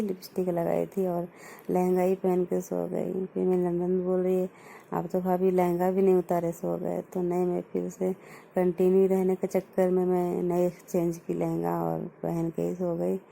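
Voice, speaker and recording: A young adult woman vlogging in casual chat at home, speaking softly while others sleep and often addressing her viewers as friends. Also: on the low side, completely flat delivery, normal speed, vocal fry, a little hiss or hum, poor audio.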